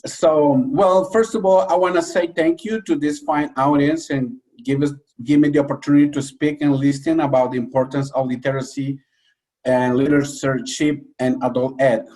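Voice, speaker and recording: A man's voice: on the high side, fairly even intonation, normal speed, darkish tone, distant mic, low-quality recording. A man from Honduras with a Honduran Spanish accent, a native Spanish speaker giving an earnest personal talk as an adult educator at a briefing. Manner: earnest, with hesitant restarts. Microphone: video call.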